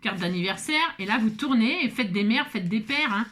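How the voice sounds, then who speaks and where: A woman with a fairly high voice talks viewers through a craft project in a loose, chatty way. She keeps tossing in "hein" and joking asides, often poking fun at herself. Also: expressive, normal speed, fairly bright tone. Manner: chatty, peppers talk with "hein" and playful asides; jokey and self-mocking. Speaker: craft vlogger. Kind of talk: casual crafting tutorial.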